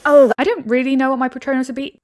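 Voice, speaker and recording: A woman's voice: sits high, fairly even intonation, quick pace, a little mellow, faint music behind. A woman giving casual reaction commentary on a video, chatty, thinking aloud and laughing now and then. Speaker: YouTuber reacting to a game show video.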